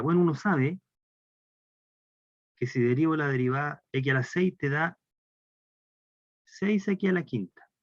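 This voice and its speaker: Chilean guy teaching calculus, kinda high voice, walks thru each step, dull lo-fi sound. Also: no room sound. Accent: Chilean Spanish. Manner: explains step by step, asks rhetorical questions. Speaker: math lecturer. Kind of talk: recorded calculus lecture. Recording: dry, dull lo-fi lecture recording.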